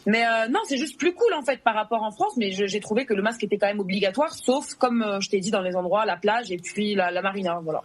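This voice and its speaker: A woman answering interview questions in a halting, hesitant way, restarting her sentences often. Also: medium pitch. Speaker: interview guest.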